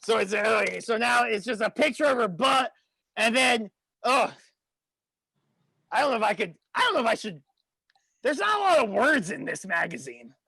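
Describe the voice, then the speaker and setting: A man putting on a crude, tipsy, sleazy male wrestler persona, rambling and stammering with a gravelly, husky voice. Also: extremely high pitch, very animated, moderate pace, pauses often, sharp tone, no echo, heavily acted, low-quality recording. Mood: boastful rambling. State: tipsy from shots.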